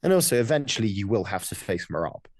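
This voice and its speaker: A man's voice: lowish voice, very animated, quick pace, darkish tone, no echo, clean studio sound. A man hosting a podcast, giving casual, conversational commentary on sport. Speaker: podcast host.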